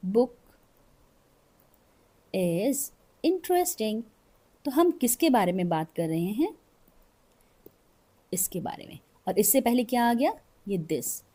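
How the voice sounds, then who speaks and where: In a Hindi-English grammar lesson with board drawings, a woman with a warm, medium-pitched voice walks through each step slowly. She reads example sentences out word by word and keeps asking "ठीक है" to check understanding.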